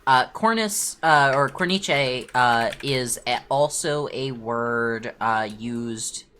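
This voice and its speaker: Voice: medium pitch, little pitch movement, takes it slowly, sharp tone, clear, resonant tone. A streamer chatting casually while working, rambling and distracted, swearing now and then, talking with food in the mouth. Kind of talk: casual livestream chat.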